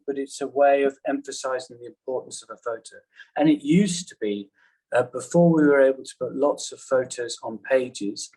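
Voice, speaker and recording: A man teaching a journalism class in a classroom, talking in a halting way and often checking in with "okay?". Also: medium pitch, a little mellow, low-quality recording. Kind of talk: classroom lecture.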